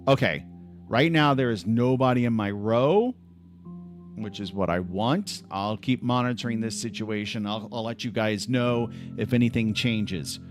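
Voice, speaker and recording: Hosting a casual livestream from home on his laptop, a man rambles restlessly, constantly restarting his sentences and leaning on "like." His voice is fairly low and unhurried, with faint music in the background.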